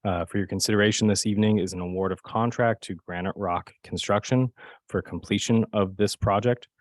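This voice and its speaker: A hoarse man with a raspy voice from a cold delivers a formal staff presentation at a board meeting. His voice sits very low and flat, barely rising or falling. The sound is close and dry. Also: dry recording. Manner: steady, measured delivery with occasional fillers. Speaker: capital project manager presenting to a board.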